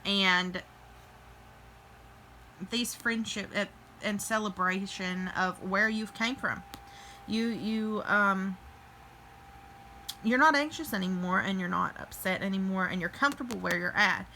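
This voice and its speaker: A woman's voice: medium pitch, animated, measured pace, bright, forceful tone, a little hiss or hum, low-quality recording. A woman giving a casual tarot reading to her viewers, chatty and thinking aloud with fillers and restarts. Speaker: tarot reader.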